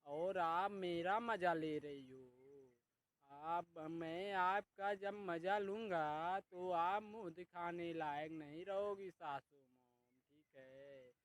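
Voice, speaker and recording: A man's voice: sits high, slow pace, no room sound, rough recording. A man voicing a complaining young son-in-law in a comic cartoon, indignant and aggrieved.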